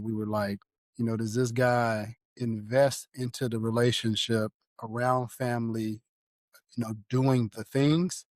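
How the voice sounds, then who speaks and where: A man's voice: mid-range voice, no room sound. A male podcast co-host thinks aloud in a middling voice, trailing off and restarting. He sounds unsure but engaged. The sound is dry and close. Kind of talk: casual group discussion.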